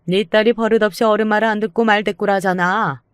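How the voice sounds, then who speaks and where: A woman's voice: medium pitch, steady tone, fast talker, clean tone, no room sound, studio quality, pitched above the performer's own voice, lightly acted. A woman voicing a scheming, bossy older mother-in-law in a radio-style story, with rude, scolding outbursts. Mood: angry.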